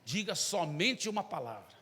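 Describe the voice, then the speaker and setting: A man voicing God, calm and commanding. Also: sits high, moderate pace, in a large hall, slight background noise, exaggerated voice.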